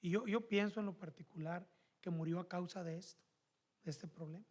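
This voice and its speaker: A man with a Mexican accent preaching a sermon in church, animated and calling the congregation brothers. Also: high voice, fairly quick. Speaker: pastor.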